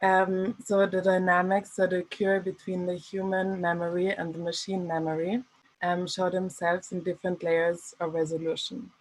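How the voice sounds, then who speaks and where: A woman's voice: on the low side, flat delivery, normal speed, no echo, rough recording. A woman student presenting her project on a video conference call whose audio keeps cutting out. She speaks hesitantly, with many ums. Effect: video conference call audio that cuts out. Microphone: computer mic on a video call.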